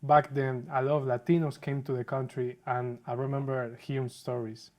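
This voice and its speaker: Male podcast host raised in Spain, mid-pitched, eager questions, lots of "yeah". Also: little pitch movement, normal speed, a little mellow. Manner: eager interviewer, frequent affirmations. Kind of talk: casual podcast conversation.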